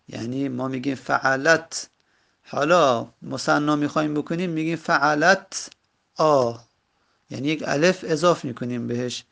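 A man teaching a grammar lesson, going slowly and repeating each example word. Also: mid-range voice, gravelly, fairly bright tone. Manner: slow, repetitive, drawing out example words. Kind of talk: Arabic grammar lesson in Persian.

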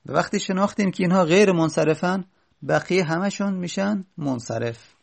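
Gravelly man teaching grammar patiently. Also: sits high. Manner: patient, repeats key points with stress. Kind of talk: Arabic grammar lesson.

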